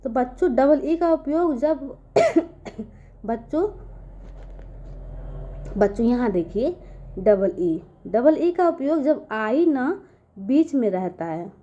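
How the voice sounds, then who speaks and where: A woman teaches children spelling in a fairly high, mellow voice. She is patient and repetitive and keeps checking that they have understood. The recording sounds dull and lo-fi. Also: expressive, slow, long pauses, slight background noise.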